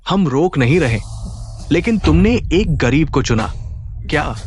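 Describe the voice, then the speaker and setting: A man's voice: a little high, lively intonation, unhurried, slight background noise. An actor playing a greedy, scheming uncle who mocks and threatens his niece, in a dubbed drama. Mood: sneering. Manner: mocking, contemptuous. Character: sneering greedy middle-aged uncle villain. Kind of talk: Hindi-dubbed drama acting.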